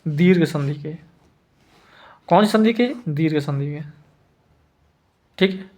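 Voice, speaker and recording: Higher-voiced man teaching Hindi spelling. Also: a little mellow. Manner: repeats each word slowly, asks students if they follow. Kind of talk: spelling lesson.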